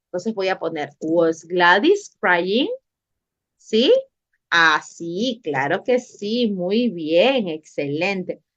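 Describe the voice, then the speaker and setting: Patient woman teacher, slow and lively. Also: fairly low pitch. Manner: patient, repeats questions and calls on students by name. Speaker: English teacher. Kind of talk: online class teaching. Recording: dull lo-fi online class audio.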